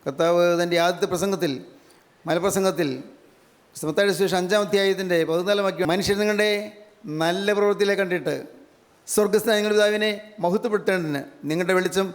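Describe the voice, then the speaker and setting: A man preaching a sermon, emphatic and repetitive, sinking into hushed fervent prayer. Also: sits high, steady tone, quick pace. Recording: long hall reverb.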